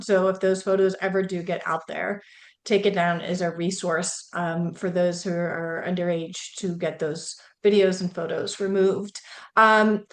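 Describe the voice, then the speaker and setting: Woman host for an award event, mid-pitched, easygoing, filler-prone delivery. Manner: relaxed, filler-heavy, friendly moderating. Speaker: ceremony host. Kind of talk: hosting an online award ceremony.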